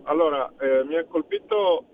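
A man phoning in to a radio show, his voice squeezed thin by the phone line, with a faint hiss underneath. He speaks courteously and haltingly, pausing on fillers and restarting as he searches for the right words. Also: a little high. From northeastern Italy. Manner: hesitant, polite, searching for words with many fillers. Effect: heard over a phone line on a radio show. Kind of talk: phone-in call to a talk show.

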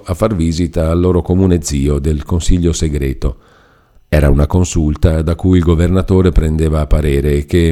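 A man narrates a classic novel in a measured, deliberate audiobook reading. His voice sits very low, with a dark, mellow tone. The delivery is steady and unhurried. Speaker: reader.

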